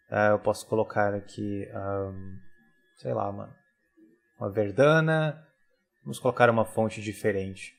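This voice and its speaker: A man, teaching a software tutorial over a screen recording in a relaxed, casual way full of tag questions. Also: mid-range voice.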